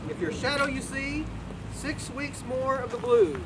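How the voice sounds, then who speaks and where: A man's voice: very high-pitched, expressive, measured pace. A man acting as a ceremony official, reciting rhyming verse in a theatrical, declaiming way. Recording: distant outdoor mic, clear street noise.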